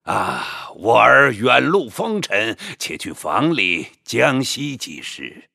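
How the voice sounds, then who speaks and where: A man acts out an old village patriarch in an audio drama, speaking slowly with a husky, breathy tone. His voice rises and falls widely as he fusses over his son. The sound is close and dry. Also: medium pitch, very animated, sharp tone, no room sound, heavily acted. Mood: fatherly. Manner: slow, fatherly, pleading. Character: elderly village patriarch, doting and anxious.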